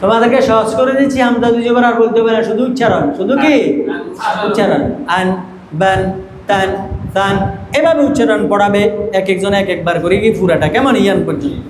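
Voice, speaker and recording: A man with a strikingly high voice leads teacher trainees through Quran reading drills. He asks the room questions and supplies the answers himself. The recording carries the echo of a classroom with a faint hiss beneath. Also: animated, fast.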